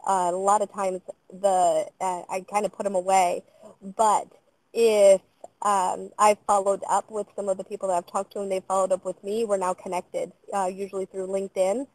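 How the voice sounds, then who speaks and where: A woman in her thirties speaks as a business-owner panelist on a video call, her pitch staying level and even. She talks in a measured, thoughtful way, pausing on ums and uhs. The sound is dry and close. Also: no room sound, rough recording. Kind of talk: panel discussion answers. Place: outdoors in front of trees. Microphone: webcam on a video call.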